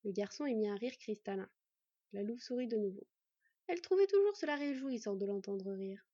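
A woman narrating a story aloud in a calm, even reading voice, in a slightly muffled recording. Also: a little high, fairly quick, slightly rough, no room sound.

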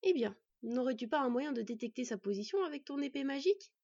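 A composed, protective she-wolf from a storybook, as a woman reads her aloud, cool and measured in her speech. Her warm voice comes through dull and dry. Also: high-pitched, lively intonation, husky, dry recording, pitched above the performer's own voice, full character voice. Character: calm, wise she-wolf in woman's form, protective aunt.

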